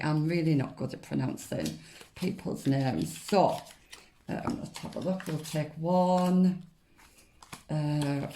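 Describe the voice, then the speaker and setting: Female tarot host: low, unhurried, gently reassuring, informal and slightly hesitant delivery. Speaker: tarot card reader and host. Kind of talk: casual spiritual card reading.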